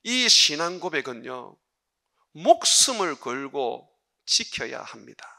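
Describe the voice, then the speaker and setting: A man's voice: fairly high pitch, sing-song, slow, gravelly, pushed and bright. A man preaching a sermon as pastor, asking the congregation emphatic rhetorical questions and voicing quoted speech in vivid asides. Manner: quotes others' words in dramatic asides.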